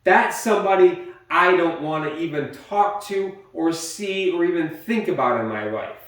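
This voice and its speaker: This fairly high-voiced man argues with his partner at home, expressive and at a moderate pace, cursing angrily as he shifts from shouting to low muttering. The heated exchange is recorded indoors from far away in a very echoey room.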